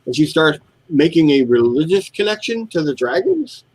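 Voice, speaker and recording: Here a middle-aged American man, a co-host, chats casually about his shop while building models, vividly mimicking customers. His slightly rough voice sits high and moves at normal speed in a dry, poor-quality recording.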